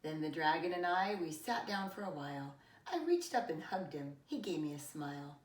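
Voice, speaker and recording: Like a preschool teacher, a middle-aged woman reads a children's picture book aloud, deliberate and expressive with dramatic emphasis. Her low voice sits far from the mic in a roomy, echoing space.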